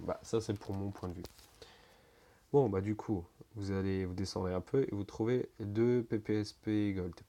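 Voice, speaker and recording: Young guy, lowish voice, laid-back how-to narration, rambling and full of filler words, swears now and then. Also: dark tone. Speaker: tutorial maker. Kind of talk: casual screen-recording tutorial.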